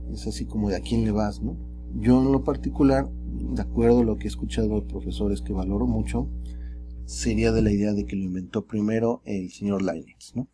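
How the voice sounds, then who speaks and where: A man teaching calculus in a relaxed, chatty way, often tagging his sentences with rhetorical questions. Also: on the low side, a little fast, music in the background. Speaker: math teacher. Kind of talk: recorded screen lesson.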